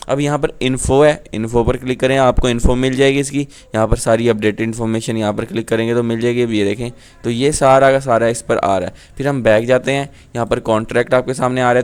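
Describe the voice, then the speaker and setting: A man's voice: mid-range voice, clear, resonant tone. A man, talking casually to viewers through a screen-share explainer and often checking in with "thik hai". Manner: casual, explanatory, repeats "ठीक है". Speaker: crypto YouTuber.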